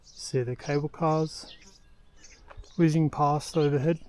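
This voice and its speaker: A man's voice: on the high side, steady tone, slow, a little mellow. A young man hiking uphill while filming a casual travel vlog outdoors, short of breath, rambling with many ums and uhs. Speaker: travel vlogger. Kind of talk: casual walking vlog narration. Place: outdoors on a hillside trail. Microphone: handheld camera.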